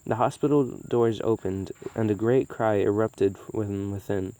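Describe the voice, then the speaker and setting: A man reading a novel aloud with a low, mellow voice. He reads steadily, with small slips and restarts, and the sound is dry and close. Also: unhurried, no echo. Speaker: audiobook reader.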